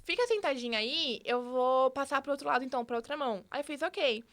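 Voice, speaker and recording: A young woman with a Brazilian Portuguese accent, talking quickly as a podcast guest. Her voice sits a little high, and she tells her story with animated energy, jumping into quoted dialogue and restarting her sentences. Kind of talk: casual storytelling interview.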